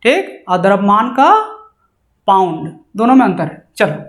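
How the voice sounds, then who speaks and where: A man's voice: high voice, lively intonation, moderate pace, fairly bright tone. A male physics teacher lectures at a board. He keeps firing rhetorical questions at his students and answers them himself. His voice rings in an echoey classroom. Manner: drilling with constant rhetorical questions.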